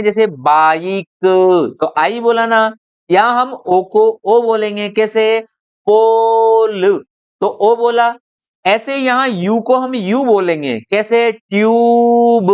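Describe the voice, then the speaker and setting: A teacher explaining a lesson in a patient, repetitive way. The teacher poses questions to the viewer, answers them, and draws out example words slowly. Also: medium pitch, smooth, highs cut off. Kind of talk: classroom-style explainer video.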